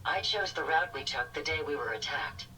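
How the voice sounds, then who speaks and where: An actor voicing a courteous, apologetic robot companion in a video game, speaking formally. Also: male voice, fairly high pitch, expressive, moderate pace, sharp tone, far from the mic, slight background noise, rough recording. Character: polite regretful robot companion.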